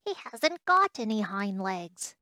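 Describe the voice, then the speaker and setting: A woman voicing a bold, lively male wild rabbit in a storybook reading, with a teasing, bouncy, mocking manner. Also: fairly high pitch, measured pace, no echo, clean studio sound.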